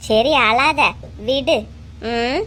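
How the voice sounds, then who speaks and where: A high-pitched, chatty village neighbor in a cartoon, voiced by a woman. She gossips and teases in a broad Kanyakumari Tamil accent, trading quick remarks. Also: fairly bright tone, slight background noise, full character voice. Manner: chatty, teasing, rapid back-and-forth. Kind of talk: cartoon voice acting.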